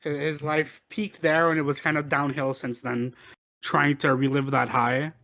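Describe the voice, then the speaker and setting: A man's voice: a little high, flat delivery, moderate pace, bright, forceful tone. Rambling male podcast co-host. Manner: rambling, repeats words while thinking. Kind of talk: casual chat.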